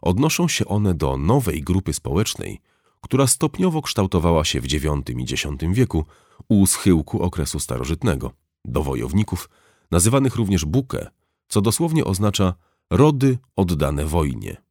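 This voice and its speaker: A man giving scripted nonfiction narration as a narrator, reading in a measured way and slowing down carefully to spell out foreign terms. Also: deep voice, very animated, darkish tone, no room sound, clean studio sound.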